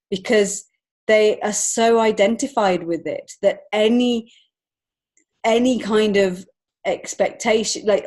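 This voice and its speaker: Mid-range and darkish in tone, this woman's voice belongs to a podcast guest who is a children's author and illustrator. She speaks reflectively and conversationally, earnest as she feels out what to say.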